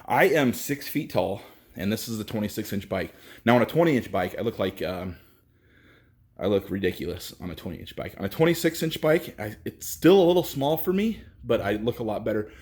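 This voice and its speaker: A man giving a casual, halting walkthrough of a bike in a workshop, with lots of fillers, a bit out of breath. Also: lowish voice, sing-song, darkish tone. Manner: rambling, halting, with many fillers. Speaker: bike reviewer. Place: indoor workshop.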